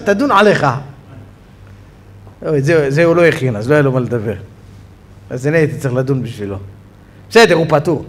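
A man teaching a Torah lesson on Sabbath law in a study hall, with an Israeli accent, telling stories with a voice that rises sharply when he gets excited. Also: high voice. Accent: Israeli Hebrew. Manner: animated storytelling, voice rising sharply when excited. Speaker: rabbi teaching a Torah class.

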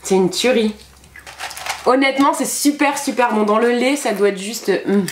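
A woman hosting a casual food-tasting vlog with her child, playful and animated, laughing often. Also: a little high, normal speed. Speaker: vlog host, mother. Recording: echoey room with background noise.

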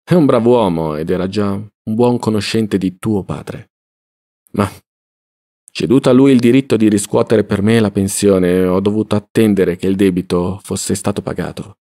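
Worried old mom's letter, read by a guy, tender and low. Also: fairly even intonation, normal speed, warm tone, natural voice. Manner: tender, earnest letter-reading. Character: loving worried elderly mother writing a letter.

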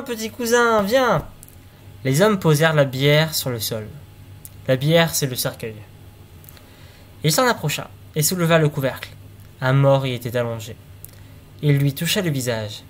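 Man reading a fairy tale aloud. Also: on the high side. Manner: occasional stumbles and restarts. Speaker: storyteller.

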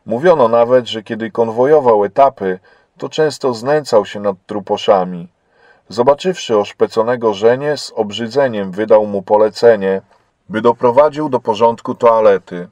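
Low-voiced man narrating a story. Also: moderate pace, darkish tone, no room sound, dull audio.

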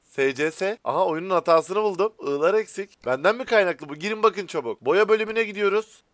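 Chatty excited Turkish gamer man. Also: high voice, fairly quick, no echo, clean studio sound. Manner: chatty, excitable, addresses viewers as friends. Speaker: gaming YouTuber. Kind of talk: casual gameplay commentary.

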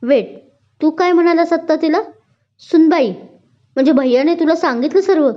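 A woman voicing Ketaki, a bubbly and excitable young college woman in a spoken story. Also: sits high, normal speed. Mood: lively. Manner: lively, excitable. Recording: dull lo-fi recording.

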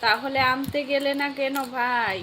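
A woman with a sore, hoarse throat, chatting live with viewers and asking warmly after them. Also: sits high, steady tone, normal speed, slight background noise, low-quality recording. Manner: caring, asks viewers how they are. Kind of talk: casual live chat reading viewer comments.

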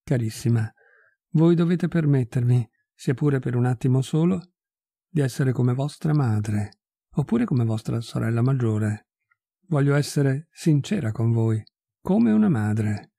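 A gushing, pious older society lady, put on by a male reader in an audiobook. She speaks effusively and fussily, in a mellow, slightly husky tone. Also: mid-range voice, huge pitch swings, unhurried, no echo, studio quality, heavily acted. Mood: pleading. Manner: effusive and fussy, turning cold and solemn.

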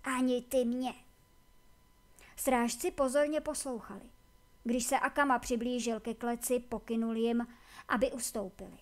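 High-pitched lady reading a fantasy book, slow and deliberate. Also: steady tone. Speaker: audiobook reader. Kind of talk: scripted narration.

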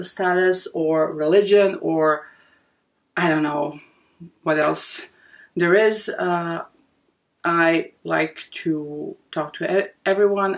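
Woman in her forties, Bosnian accent, low voice, slow rambling chat, hesitant fillers, bedroom vlog. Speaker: vlogger. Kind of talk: casual chat to camera. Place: bedroom, indoors. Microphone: camera at desk distance.

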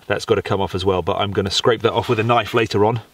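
An Englishman in his forties, a bushcraft vlogger, narrates casually to camera while working outdoors in a woodland at night, sounding tired and self-deprecating. His English-accented voice is fairly low, fast and fairly even in intonation. The close-framed camera mic also catches background noise.

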